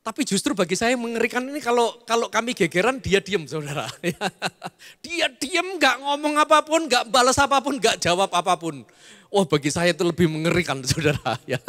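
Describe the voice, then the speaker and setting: A middle-aged male pastor preaching an animated sermon, addressing the congregation with asides and emphatic bursts. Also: high-pitched, fairly quick. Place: church hall. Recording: long church hall reverb.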